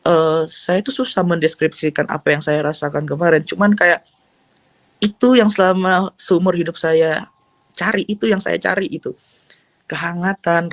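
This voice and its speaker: A man with a fairly high voice tells his story as an interviewee, earnest and rambling, leaning on casual fillers and slipping in English phrases. The sound is dry and close, with no room in it. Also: no room sound. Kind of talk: emotional personal testimony.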